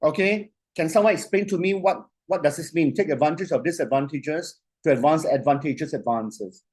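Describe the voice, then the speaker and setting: A male lecturer in full classroom flow. He talks in an animated, repetitive way and keeps asking whether the students follow. He stretches key phrases out slowly for them to write down. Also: a little high, husky. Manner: animated, repetitive, asks "you see?" often; slows way down to dictate phrases.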